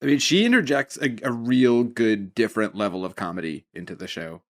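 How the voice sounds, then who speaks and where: A man co-hosting a podcast, giving quick, blunt opinions in casual chat. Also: mid-range voice. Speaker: podcast co-host.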